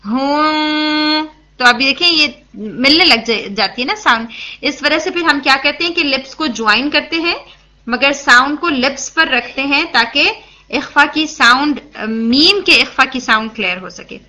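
A woman's voice: high-pitched, expressive, bright, forceful tone. A woman teaching Quran recitation rules, patiently explaining and demonstrating sounds, often checking in with her listeners and mixing English words into her speech. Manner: checks in with listeners, asks and answers her own questions. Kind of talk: tajweed lesson, explaining and demonstrating.

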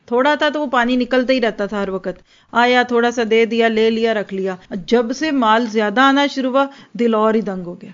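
Female religious teacher, earnest and explanatory, mid-high voice, dull lo-fi recording. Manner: earnest, explanatory, acts out quoted dialogue; mixes English words into her speech. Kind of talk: Islamic lecture.

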